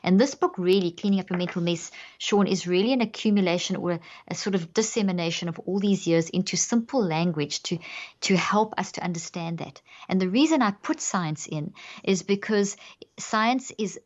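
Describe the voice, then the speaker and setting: A woman's voice: fairly low pitch, moderate pace, darkish tone, dull audio. A woman from Zimbabwe with a South African accent, a podcast guest explaining ideas with analogies and frequent restarts. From Zimbabwe, raised in South Africa.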